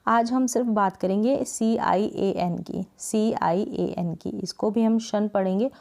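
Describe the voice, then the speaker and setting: A woman from India gives a patient spelling lesson, repeating each word several times and breaking it into slow, stretched syllables. Her voice is mellow and soft-edged, pitched in an ordinary middle range. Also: creaky. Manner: slow, drawn-out syllable-by-syllable pronunciation drills; patient, repeats words often with "thik hai" checks. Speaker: English spelling teacher. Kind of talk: explanatory lesson.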